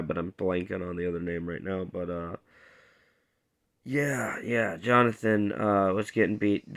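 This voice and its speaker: A TV show reviewer casually recaps an episode, rambling with lots of fillers and hesitations and acting out the characters' lines. His voice is lowish with a fairly bright tone.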